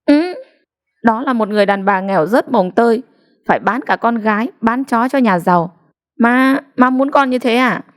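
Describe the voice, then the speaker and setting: Storybook voice: hot-tempered young wife, snappy comebacks, pitched up high done by a woman reader. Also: normal speed, natural voice. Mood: indignant. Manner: sharp, indignant retorts. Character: young wife, fiery, sulky and quick-tempered.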